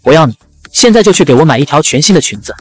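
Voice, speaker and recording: A male narrator voicing an arrogant young noblewoman, scornful and domineering, speaking fast. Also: low voice, animated, breathy edge, soft background music.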